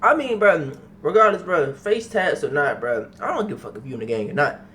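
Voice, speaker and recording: A young man reacting to a clip in a high voice that swings widely up and down. He talks in loose, profane bursts and repeats himself. A faint hiss sits under his voice. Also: big pitch swings, fairly quick, pushed and bright. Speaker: reaction video host. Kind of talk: casual reaction commentary.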